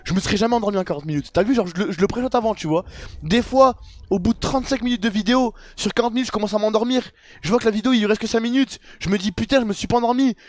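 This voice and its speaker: Fast-talking young man with a high voice, slangy. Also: darkish tone, no echo. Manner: slangy, rambling, keeps saying frère and wesh. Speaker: streamer. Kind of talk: casual live-stream chat.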